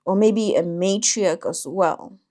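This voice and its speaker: A woman doing a tarot reading for viewers, talking in a thoughtful, intuitive way with frequent pauses and restarts. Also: on the low side, mellow. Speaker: tarot reader.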